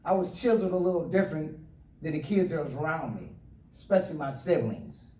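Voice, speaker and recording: Man reciting a rhythmic speech, high voice. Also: animated, fairly quick, a little mellow, slight background noise. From Ohio, USA. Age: middle-aged. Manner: rhythmic, repeating refrain. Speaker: speaker. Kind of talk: spoken word speech. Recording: echoey room, voice from far off.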